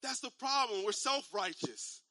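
A man in his thirties preaching a sermon in a conversational style, repeating phrases and using casual slang, building up to shouts. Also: extremely high pitch, lively intonation, unhurried, no echo. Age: 30s. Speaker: pastor.

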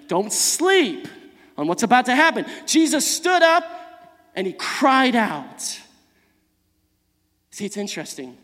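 A man in his thirties preaching a sermon, swinging between loud calls and quiet asides, often repeating words and asking the congregation questions. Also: high-pitched. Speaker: pastor. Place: church hall. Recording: long church hall reverb.

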